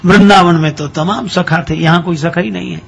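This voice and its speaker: A man's voice: high voice, fairly even intonation, fairly quick, vocal fry, dull audio, slight background noise. Man voicing a mischievous playful god. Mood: teasing. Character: playful god, a mischievous young man who loves stealing.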